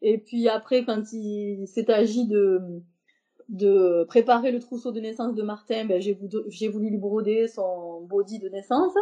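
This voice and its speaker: Invitée de podcast, une femme, timbre chaud et feutré, parole hésitante avec nombreux « euh ». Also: female voice, mid-range voice, steady tone, a little slow, mellow, muffled recording. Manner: hesitant, many fillers and restarts. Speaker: podcast guest, embroiderer. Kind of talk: casual interview talk.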